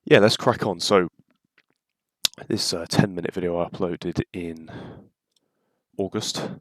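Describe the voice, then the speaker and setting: A low-pitched man talks through his own old predictions in a loose, chatty way. He fills his speech with ums and restarts. His voice is nasal and stuffy from a cold, and the recording is close and dry with no room sound. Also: steady tone, measured pace, no room sound. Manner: chatty and loose, with many ums and self-corrections. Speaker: YouTuber reacting to his own old video. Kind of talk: casual reaction commentary.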